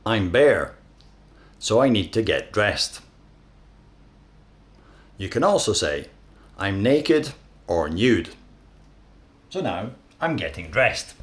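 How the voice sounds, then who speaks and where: Male English teacher, slow and deliberate, somewhat low voice, roomy recording. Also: big pitch swings. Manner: clear, deliberate teaching delivery. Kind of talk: slow, simple narration of daily actions.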